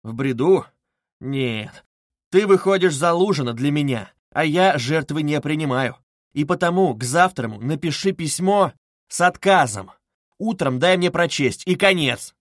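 A man's voice: on the high side, normal speed, no echo, studio quality, natural voice. A man voicing a feverish young man, irritable, strained and insistent. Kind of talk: audiobook character reading.

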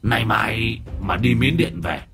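A man's voice: on the low side, slow pace, vocal fry, fairly bright tone, soft background music, full character voice. Man doing a whiny goblin in a jar. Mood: grumbling. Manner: whiny, complaining. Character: squeaky grumbling goblin spirit in a jar.

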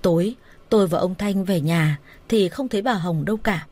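Woman telling a dramatic story, steady even narration. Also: lowish voice, normal speed.

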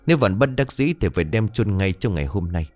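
A man's voice: low voice, animated, fast talker, a little mellow, faint music behind. A man voicing a solemn elderly male ritual master who gives grave warnings in a storybook tale.

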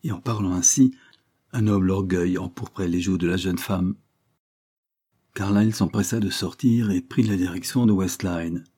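A man narrating a classic novel as an audiobook, in a steady, even reading. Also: deep voice, normal speed, breathy edge. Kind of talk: scripted narration.

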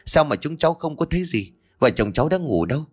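A man's voice: on the high side, very animated, fast talker, husky, soft background music, voice pushed up. A man voicing a young village wife in a ghost story, who asks anxious questions and snaps when scared. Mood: frightened. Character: young village wife, frightened and sharp-tongued.

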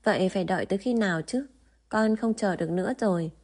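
A woman's voice: mid-range voice, fast talker, darkish tone, natural voice. Woman reading as an eager little boy.

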